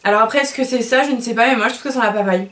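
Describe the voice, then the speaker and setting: A woman's voice: fairly high pitch, very fast, a bit bright. A woman beauty vlogger chatting casually while unboxing products, gushing and chatty with many fillers and self-corrections.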